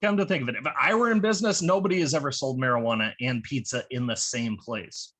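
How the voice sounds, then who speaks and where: An American man doing self-deprecating stand-up comedy over a video call, halting with fillers and restarts. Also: medium pitch, a bit bright, breathy edge. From United States. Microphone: video call from home.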